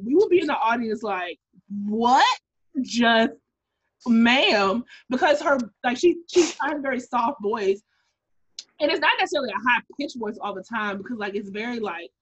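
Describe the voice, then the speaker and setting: A young woman co-hosts a podcast in easygoing chat. Her voice sits fairly high, and she talks with animated energy, laughing and slipping into impressions. The audio is muffled and lo-fi. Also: husky. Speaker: podcast co-host.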